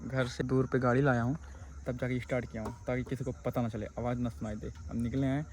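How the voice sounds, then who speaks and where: A young man vlogging casually about his day, then loudly scolding a child to study. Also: medium pitch, flat delivery, quick pace, a little hiss or hum. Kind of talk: casual vlog chat.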